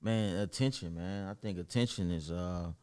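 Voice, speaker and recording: A man's voice: deep voice, normal speed, darkish tone, clean tone. A man in his early thirties in a casual podcast chat, mostly agreeing with short words and making points about reach. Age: 30s. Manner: encouraging listener, many short agreements. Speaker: guest.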